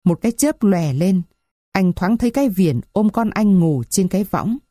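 A woman narrating a village story in a measured, expressive reading. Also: mid-range voice, no room sound, studio quality.

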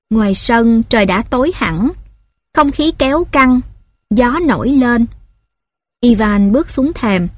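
Woman narrating a story, fairly high. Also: slightly rough, dry recording.

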